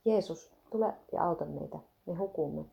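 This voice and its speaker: A woman's voice: sits low, gravelly, muffled recording. A woman reading the lines of an anxious male fisherman, pleading and worried.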